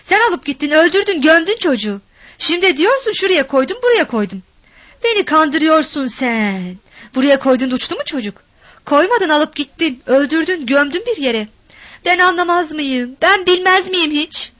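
A woman's voice: very high voice, expressive, a little fast, fairly bright tone, no room sound, voice pushed up. A woman voicing a frantic village wife who shrilly accuses her husband, read aloud from a storybook. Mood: accusing. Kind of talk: storybook reading.

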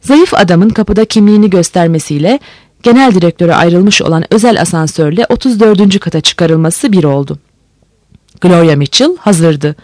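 An audiobook narrator reading a novel in a steady storytelling manner. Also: medium pitch, moderate pace, dry recording. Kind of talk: scripted narration. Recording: dry close recording.

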